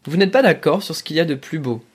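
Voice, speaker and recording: A poised, brisk commander's wife presses everyone along with urgent insistence, as a man voices her in a storybook reading. The voice rises above the reader's own. She sounds sharp and quick. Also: on the high side, lively intonation, slightly rough.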